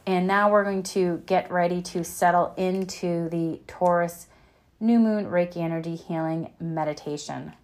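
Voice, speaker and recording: A woman's voice: lowish voice, steady tone, a little slow, darkish tone. A woman hosting a meditation session, giving an informal spoken introduction. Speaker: meditation host.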